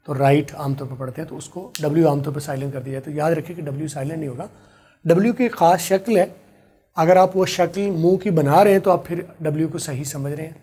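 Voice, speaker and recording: A man's voice: fairly high pitch, warm tone, husky. A man giving an online English lesson, explaining patiently and repeating phrases for practice while he writes them out. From Pakistan. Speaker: English teacher.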